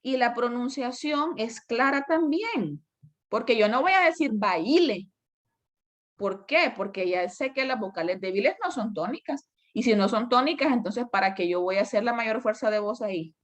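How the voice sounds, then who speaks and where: Woman, fairly high voice, teacher on a video call, patient and repetitive. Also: expressive. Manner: explains slowly, uses playful diminutives, repeats key points. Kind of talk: online class lecture. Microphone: computer mic on a video call.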